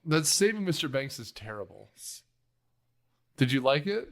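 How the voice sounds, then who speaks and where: A man's voice: mid-range voice, big pitch swings, moderate pace, fairly bright tone. A middle-aged man hosting a casual movie podcast, rambling through tangents with lots of fillers and swearing. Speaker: podcast host. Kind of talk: casual movie-review chat.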